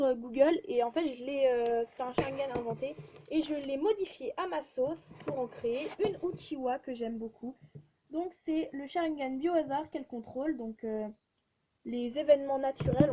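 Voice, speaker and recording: A woman's voice: high voice, warm tone. A teenage girl chatting casually and rambling as she shows her drawings, with many fillers and restarts. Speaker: vlogger showing her drawings. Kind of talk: casual chat. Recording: dull lo-fi sound with faint noise.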